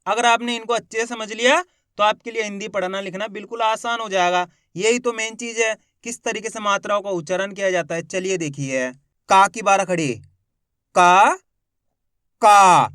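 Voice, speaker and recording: A man's voice: sits high, steady tone, brisk, sharp tone, smooth, no echo, clean studio sound. A man hosting an online Hindi lesson for beginners, who keeps reassuring the viewers and drills syllables one at a time, stretching the long vowels. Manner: emphatic, repeats assurances and calls the viewers 'friends'. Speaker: Hindi teacher, channel host.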